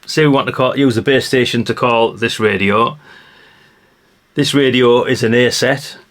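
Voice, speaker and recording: This man, a vintage radio vlogger, handles gadgets in a relaxed, matter-of-fact demo, frequently ending remarks with tag questions. He speaks at a moderate pace in a medium-pitched, fairly bright voice with fairly even intonation.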